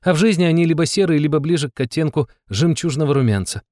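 A man voicing an odd, calm young woman mage who explains things earnestly and precisely. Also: on the high side, quick pace, dry recording, studio quality, voice pushed up, natural voice.

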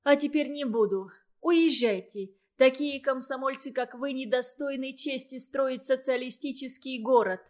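Fiery young girl, indignant and tearful, read by a woman narrator, high and loud. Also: animated, takes it slowly, hardly any pauses. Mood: scolding. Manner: indignant, scolding, close to tears. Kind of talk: audiobook reading.

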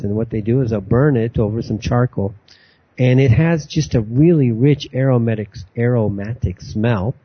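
A man's voice: medium pitch, slightly rough, lo-fi sound. A man hosting a talk radio show, talking in a rambling monologue with many restarts and fillers, from a room indoors.

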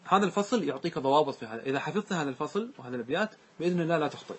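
Male teacher, slightly husky, higher voice, checks in with the class often. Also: expressive, rapid-fire. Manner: questioning students, repeating answers. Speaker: teacher explaining grammar verses. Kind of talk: classroom lesson.

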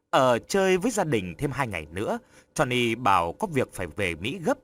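A man reading an audiobook story aloud in an expressive storytelling manner. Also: medium pitch. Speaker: narrator. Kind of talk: scripted audiobook narration.

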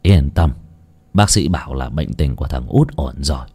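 Deep gruff dad figure, curt and steady, voiced by a male narrator. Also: moderate pace, heavily acted. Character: stern older father, gruff, reassuring.

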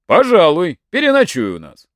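A man's voice: high-pitched, wildly swooping pitch, normal speed, no room sound, clean studio sound, pitched above the performer's own voice. A man voicing a fussy, fretful old peasant father in a folk tale, grumbling and exclaiming. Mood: calm.

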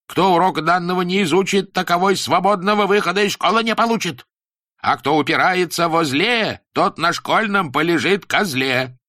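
A man voicing a stern, pompous old-time schoolmaster who lectures in slow, rhyming sing-song sentences. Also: medium pitch, lively intonation, sharp tone, no echo, studio quality, voice pushed up. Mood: threatening.

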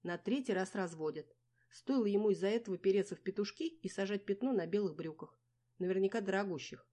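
A woman's voice: medium pitch, fast talker, mellow, voice pushed up, close to an everyday voice. A woman reading an audiobook voices a blunt young female best friend who scolds and insists. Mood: bossy.

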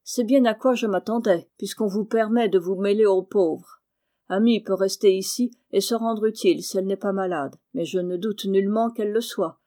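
A woman reading an audiobook voices a gruff, sharp-tongued elderly aunt who talks in a scolding, curt way. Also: mid-range voice, natural voice.

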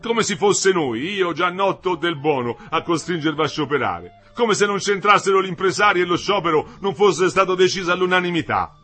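A man's voice: sits high, lively intonation, moderate pace, few pauses, bright, forceful tone, slightly rough, faint music behind, voice pushed up, exaggerated voice. A man voicing Metello, a young working man who turns harsh and accusing, reading him from a novel. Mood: angry. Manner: raised, accusing delivery.

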